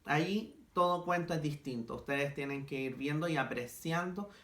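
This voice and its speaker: Male schoolteacher, bright tone, slow careful delivery to kids, echoey room. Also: fairly high pitch. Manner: slow, stretched-out examples for children. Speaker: school language teacher. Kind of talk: recorded class for young pupils.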